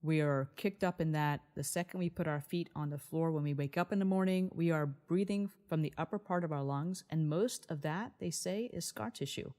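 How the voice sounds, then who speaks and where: A woman's voice: low voice, mellow. A woman co-hosting a wellness podcast, explaining things earnestly in a conversational style. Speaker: podcast co-host.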